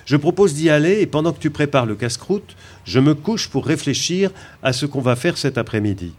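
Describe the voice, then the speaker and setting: A man's voice: a little high, expressive, brisk, a little mellow. A man voicing a coarse, slangy Arctic trapper who drawls out his words, in an audiobook reading. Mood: scheming. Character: gruff coarse-talking Arctic trapper man, crafty and easygoing.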